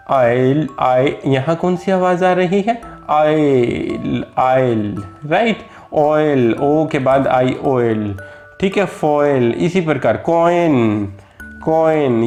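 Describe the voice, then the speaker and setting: A man's voice: a little high, darkish tone. A man with an Indian accent teaching a lesson, patiently repeating each example word and addressing his viewers as children. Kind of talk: slow explanatory lesson.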